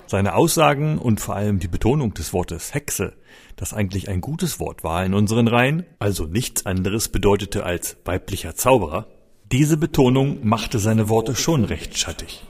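A man's voice: fairly low pitch, expressive, normal speed, a little mellow, slightly rough. A man reading a story aloud, narrating expressively and with urgency. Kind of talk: audiobook narration. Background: faint music.

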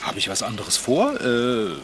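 A stammering, bewildered bike mechanic. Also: male voice, medium pitch, huge pitch swings, a little slow, noisy background. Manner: confused and stammering, giggly. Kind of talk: children's radio play. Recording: outdoor nature ambience behind.

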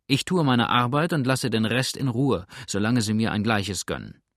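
A man's voice: mid-range voice, animated, moderate pace, fairly bright tone, no echo, studio quality. A man reading aloud as a grumbling, blunt old male boatswain in a storybook. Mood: gruff.

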